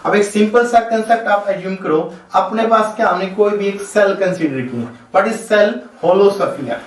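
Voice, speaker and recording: A male physics teacher giving a classroom lecture. He asks questions and answers them himself, and he dictates definitions slowly, word by word. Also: high voice. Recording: echoey room, voice from far off the mic.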